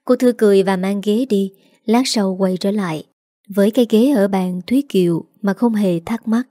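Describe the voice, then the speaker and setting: A woman's voice: medium pitch, normal speed, warm tone, no room sound, clean studio sound. A woman reading a serialized drama story aloud, voicing every character in her own voice. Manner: reads every character herself with small voice shifts.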